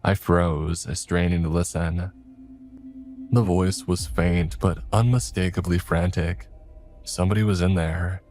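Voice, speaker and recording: Deep-voiced man narrating a horror story. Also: fairly even intonation, measured pace, a little mellow, soft background music.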